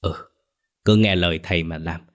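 A man voicing a poor, stubborn old village father who talks gruffly. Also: low voice, fairly even intonation, moderate pace, lightly acted. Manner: gruff, dismissive.

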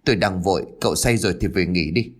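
A man's voice: deep voice, voice pushed down. A man voicing a harried, impatient middle-aged village chief in a spoken ghost story. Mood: hurried. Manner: hurried, pressed for time.

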